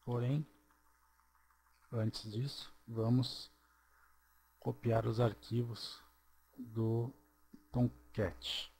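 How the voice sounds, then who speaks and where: A man narrating a screen-recorded programming tutorial, walking through each step slowly and checking in with "ok?". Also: mid-range voice, flat delivery, gravelly, darkish tone, breathy edge. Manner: slow, step-by-step, checks in with "ok?" and "certo?".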